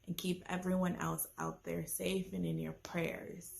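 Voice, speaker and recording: Slow gravelly woman hosting a vlog. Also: on the low side, level tone, a little mellow. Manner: hesitant, many fillers, turns bubbly. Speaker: vlog host. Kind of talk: casual vlog talk.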